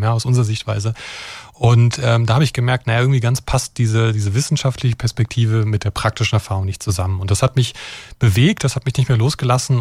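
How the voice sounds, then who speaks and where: A middle-aged man from eastern Germany talks quickly in a lowish voice, explaining his work in long runs. He keeps tagging his points with a questioning "ja". The sound is close and dry. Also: darkish tone, dry recording. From Brandenburg, Germany. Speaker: expert guest from an extremism center. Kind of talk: conversational interview.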